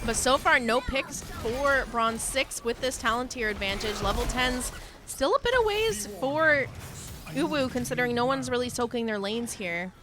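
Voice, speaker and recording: A woman's voice: lively intonation, moderate pace, music in the background. A woman casting an online video game match, giving play-by-play with the hiccups, her voice jumping up on big plays. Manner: rises sharply in pitch and volume on big plays. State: has the hiccups. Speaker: esports caster. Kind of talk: play-by-play esports commentary.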